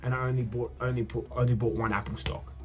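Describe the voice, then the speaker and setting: A man's voice: medium pitch, flat delivery, fast talker, a little mellow, soft background music. Chatty young man vlogging. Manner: chatty, loose, self-correcting. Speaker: investing vlogger. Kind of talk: casual vlog monologue.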